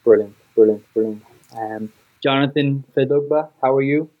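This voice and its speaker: A man's voice: mid-range voice, normal speed, narrow, tinny audio. A man hosting a football podcast panel, introducing guests in a somewhat hesitant way. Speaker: show host.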